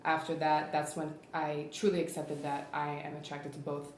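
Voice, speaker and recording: A woman in her twenties speaking slowly and reflectively as a guest in a casual group chat. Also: sits low, level tone. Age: 20s. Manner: slow, reflective, soft-spoken. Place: studio room with a table of friends. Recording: roomy echo, faint hiss.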